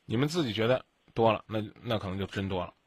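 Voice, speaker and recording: A man's voice: fairly low pitch, animated, quick pace, breathy edge, no echo. A man hosting a late-night radio advice show, bluntly lecturing and scolding a caller. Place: radio studio.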